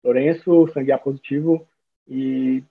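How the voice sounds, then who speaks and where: A young guest speaker with a Brazilian Portuguese accent gives a casual online talk over slides from a small room at home, speaking informally with lots of fillers and restarts. His medium-pitched voice stays steady and unhurried. Through a webcam or laptop mic on the video call, the audio sounds narrow and phone-like.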